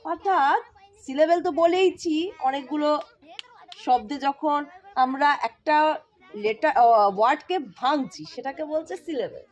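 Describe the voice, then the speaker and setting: A woman's voice: high-pitched, a little slow. A woman teaching English pronunciation, explaining informally and spelling out letters to her students. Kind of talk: spoken English lesson.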